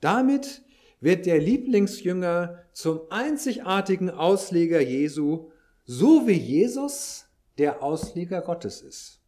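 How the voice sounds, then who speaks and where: Male preacher, sermon delivery, unhurried, explains with dry asides. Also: high voice, sing-song, dark tone. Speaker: pastor.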